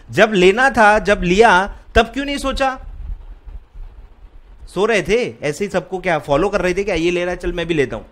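A man's voice: high voice, a bit bright. A man, lecturing CS students and scolding them with rhetorical questions. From Maharashtra, India. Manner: scolding, rhetorical, keeps asking if you follow. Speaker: CS exam mentor.

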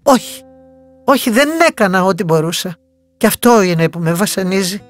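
A woman voicing a kind-hearted young princess in a bedtime story, speaking gently and earnestly, a little higher than her narration. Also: expressive, faint music behind, natural voice. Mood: anxious, ashamed.

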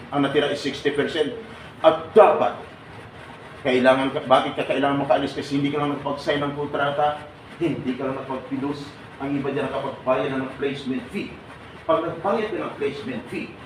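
A man's voice: mid-range voice, recorded from a distance. Man lecturing in an echoey hall. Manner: teasing, questions the audience, acts out their replies. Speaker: seminar speaker for departing overseas workers. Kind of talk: lively seminar talk to a crowd. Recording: echoey room, voice from afar, noisy.

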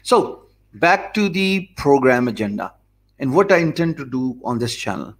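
A man in his forties, an online course instructor whose first language is Urdu, speaks English with a Pakistani accent during a live stream from an indoor office. His mid-range voice is very animated, yet he talks deliberately slowly and easily, thinking aloud in a loose, conversational way. A desk mic sits in front of him.

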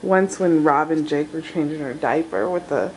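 A woman's voice: low voice, moderate pace, a little mellow, a little hiss or hum, rough recording. A woman, a new mother in a hospital room, teasing the baby's father in casual chat. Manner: teasing, dry. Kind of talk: casual home video chat.

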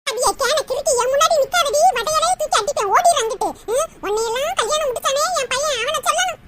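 A woman voicing a sharp-tongued, quarrelsome old mother-in-law in a cartoon comedy, with a nagging, scolding manner. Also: very high voice, fast talker. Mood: disgusted, scolding. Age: older. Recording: loud background noise.

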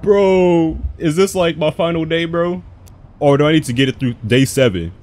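A man's voice: a little high, moderate pace, darkish tone. A young man giving casual, slangy commentary as a scared horror game streamer, jumpy and exclamatory. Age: young adult. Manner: slangy, says "bro" constantly. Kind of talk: casual reactive gameplay commentary. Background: game music and sound.

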